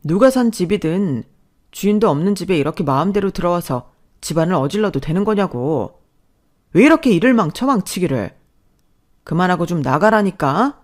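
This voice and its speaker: A woman's voice: lowish voice, lively intonation, moderate pace, a little mellow. A woman voicing a cowering male lawyer husband who stammers and pleads. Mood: angry.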